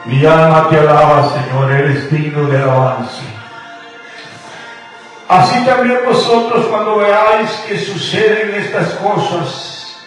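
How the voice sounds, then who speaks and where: Over an echoey, distant radio broadcast with faint music, a man from Guatemala delivers a sermon in a fervent, sing-song rhythm. His voice is fairly high, his intonation fairly even, and he speaks slowly.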